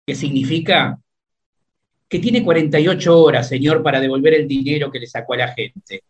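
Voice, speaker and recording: A man's voice: a little high, moderate pace, dull audio. A man playing a lawyer in a comic sketch, speaking in a formal, firm and official way.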